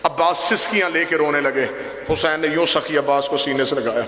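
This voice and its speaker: A man's voice: fairly high pitch, fairly even intonation, fairly quick, sharp tone. A man reciting a mourning sermon, telling a story in an impassioned, lamenting voice that swells into chant-like cries. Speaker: religious orator. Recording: echoey hall, long reverb.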